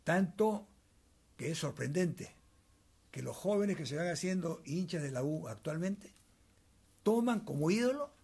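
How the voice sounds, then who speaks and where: Speaking into a wired handheld mic held by the interviewer, an older Peruvian man looks back on old times from a small, cluttered room. His voice runs on the high side, darkish and slightly rough, with lively intonation. He recounts things at a measured pace, storyteller-style, tacking on asides.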